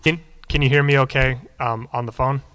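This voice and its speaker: A man's voice: medium pitch, steady tone, fairly quick, sharp tone, clear, resonant tone. A man on a phone call heard through a speaker in a meeting room, checking whether he can be heard. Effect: heard over a phone speaker. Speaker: board member calling in. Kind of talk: public meeting.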